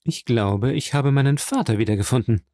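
A man's voice: medium pitch, expressive, fairly quick, dark tone, no echo, studio quality, lightly acted. A man voicing a cold, guarded young male impostor who answers curtly, in a storybook reading. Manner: curt, guarded.

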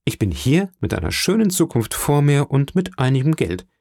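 A man reading an audiobook, voicing an earnest young sailor who talks excitedly to his father. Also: medium pitch, normal speed, creaky, no echo, clean studio sound, pitched above the performer's own voice. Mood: eager. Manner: excited, pleading, raised voice. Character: eager young male sailor, earnest and devoted. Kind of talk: audiobook character voice.

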